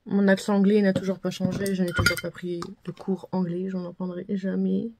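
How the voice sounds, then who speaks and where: A woman's voice: lowish voice, flat delivery, normal speed, vocal fry, background noise. A woman vlogger chatting casually through a makeup tutorial, self-deprecating and full of fillers and repeated words. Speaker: beauty vlogger.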